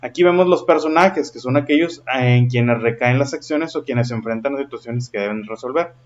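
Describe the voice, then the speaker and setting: A brisk, medium-pitched male voice teaches a lesson, staying patient and regularly asking whether listeners are following. The sound quality is a bit dull.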